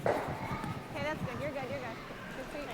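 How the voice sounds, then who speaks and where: A woman's voice: high voice, steady tone, normal speed. A woman curler calling out short, repeated commands to her teammates on the ice. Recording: very noisy arena, players' mics.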